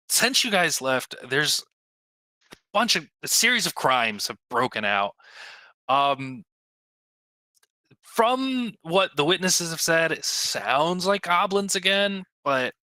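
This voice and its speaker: A man's voice: fairly high pitch, bright, forceful tone, no room sound, voice pushed up, exaggerated voice. A man voicing an exhausted, overwhelmed male townmaster who stammers defensively. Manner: rapid, flustered, stammering.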